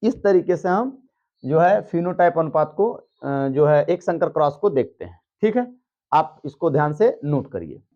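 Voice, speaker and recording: A male teacher talks students through a biology lesson at the board, step by step, often checking that they follow. His voice sits high for a man. The recording is dull and lo-fi. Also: big pitch swings, a little slow, dark tone. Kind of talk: blackboard lesson.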